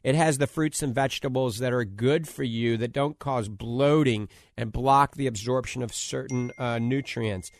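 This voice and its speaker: A man with a New Orleans accent giving an informal, radio-style health talk and product pitch, emphatic and repetitive as he lists his points. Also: normal speed, hardly any pauses. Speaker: health show host promoting diet and supplements.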